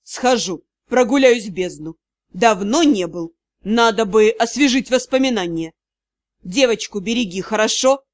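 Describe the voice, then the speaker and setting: Woman doing a weary gruff male magister. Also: high-pitched, lively intonation, measured pace, no room sound, voice pushed down. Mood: grim. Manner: growling, curt and tired.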